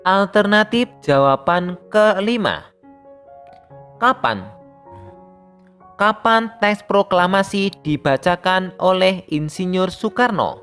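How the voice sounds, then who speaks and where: Brief: steady, even-toned teacher voice reading a primary school lesson aloud, faint music underneath. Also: medium pitch, slow pace, long pauses, clear, resonant tone. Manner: reads steadily, addressing pupils as younger siblings. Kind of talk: scripted lesson narration.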